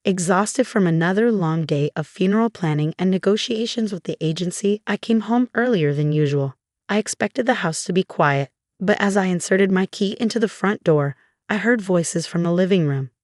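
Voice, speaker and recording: A woman narrating a first-person story in an even, measured way. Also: on the low side, no room sound, clean studio sound.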